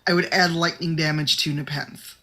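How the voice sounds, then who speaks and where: A woman's voice: low voice, fairly even intonation, normal speed, sharp tone. A woman playing a tabletop game, chatting casually in a playful, wry way. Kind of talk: casual chat.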